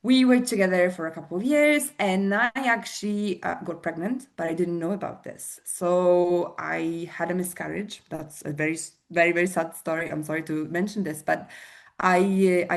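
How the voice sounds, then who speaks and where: A woman's voice: fairly low pitch, vocal fry. Polish-accented woman, earnest and hesitant. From Poland. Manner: hesitant, many fillers and restarts, earnest. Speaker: guest, fitness coach. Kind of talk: interview.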